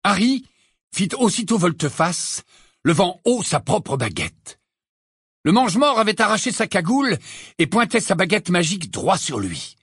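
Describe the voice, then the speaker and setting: A man reading an audiobook aloud with dramatic, expressive narration. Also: sits high, moderate pace, husky, no room sound, studio quality.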